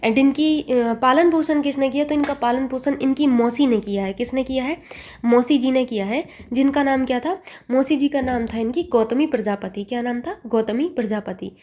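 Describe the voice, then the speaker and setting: Mellow-voiced woman teaching an exam lesson. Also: high voice, moderate pace. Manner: asks quiz questions and repeats the answers.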